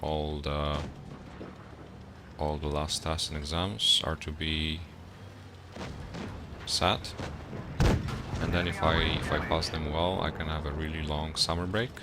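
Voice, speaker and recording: Speaking slowly in a flat, very deep voice with frequent pauses, a young Polish university student streams a game and chats casually with viewers. He greets them and thinks aloud as he looks for words, his Polish accent reflecting his first language. Background noise and game music are audible.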